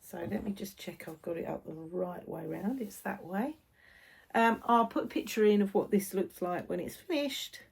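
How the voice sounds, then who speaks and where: A woman's voice: medium pitch, normal speed, vocal fry, darkish tone, husky. A woman with a British accent chatting casually as a vlog host, often repeating phrases for emphasis. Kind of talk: casual chat.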